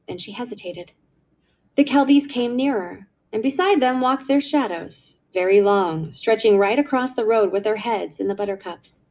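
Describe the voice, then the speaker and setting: A woman narrating a classic short story aloud in a scripted, expressive storytelling reading. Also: mid-range voice, normal speed.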